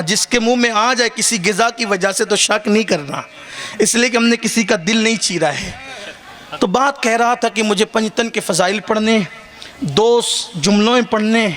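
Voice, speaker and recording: High, bright impassioned male preacher. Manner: impassioned, rising to shouted climaxes; jokes with the crowd. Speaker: religious orator. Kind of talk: sermon at a religious gathering. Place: outdoor religious gathering with listeners.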